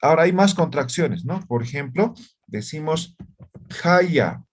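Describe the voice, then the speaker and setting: Male teacher, unhurried and husky, video-call class, keeps asking "right?". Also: fairly high pitch, lively intonation. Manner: checks in with "¿ya?" and "¿no?" often. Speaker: Aymara language teacher. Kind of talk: online class explanation.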